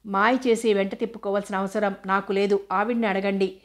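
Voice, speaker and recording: Smug, unruffled man taunting a rival, read by a woman narrator; even, level tone. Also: mid-range voice, fairly quick, lightly acted. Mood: mocking. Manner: calm, needling, lecturing. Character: smug, mocking adult man, cool under pressure.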